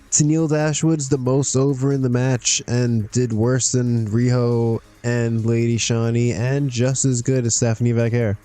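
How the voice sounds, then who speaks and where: A man's voice: mid-range voice, warm tone. A man streaming a wrestling management game, chatting casually to himself, laughing often as he reacts to results. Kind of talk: casual gameplay commentary.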